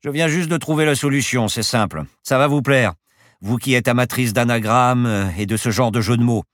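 A man's voice: mid-range voice, a little fast, no room sound, studio quality, pitched above the performer's own voice, lightly acted. A man voicing a boastful, eccentric professor who flies a plane and talks in grand, teasing phrases. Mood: playful boastful. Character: boastful eccentric old professor pilot, playful.

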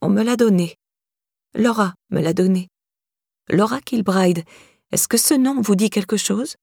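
A woman's voice: mid-range voice, unhurried, gravelly, a little mellow, dry recording, clean studio sound. A woman voicing an older neighbour with a firm, insistent, accusing manner. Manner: insistent, pressing.

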